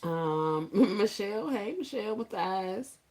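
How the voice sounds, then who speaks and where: A woman's voice: medium pitch, expressive, a little slow, a little mellow. A woman hosting a casual livestream, greeting viewers by name, laughing often and teasing playfully. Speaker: livestream host.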